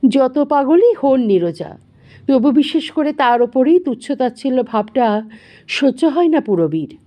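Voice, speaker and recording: A woman narrating an audio story in an expressive, dramatic reading. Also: high-pitched, a little slow.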